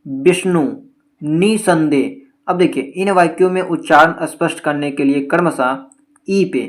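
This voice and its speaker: A man's voice: on the high side, a bit bright. A man teaching Hindi grammar for an entrance exam. He explains step by step, mixes in English words and keeps checking in with "theek hai". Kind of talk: exam-prep lecture.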